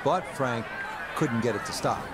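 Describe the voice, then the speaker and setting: A man playing a golf commentator in a video game, giving measured, appreciative play-by-play. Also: medium pitch, animated, heavy background noise, natural voice.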